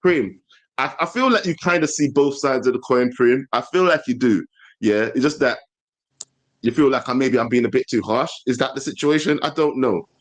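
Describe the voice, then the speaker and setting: A man's voice: medium pitch, normal speed. A man with a London accent and roadman slang, hosting casual football fan banter. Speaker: panel show host.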